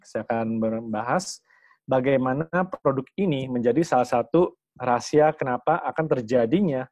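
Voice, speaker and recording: A man presents a business opportunity over a video call. His voice sits in a middle range and sounds dry. His delivery is upbeat, like a sales pitch. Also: darkish tone, no room sound.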